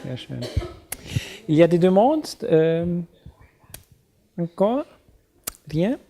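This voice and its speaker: A man moderating a book reading at a fair, speaking haltingly with many fillers. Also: high-pitched, big pitch swings, vocal fry, dark tone. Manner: halting, many fillers, switches between German and French.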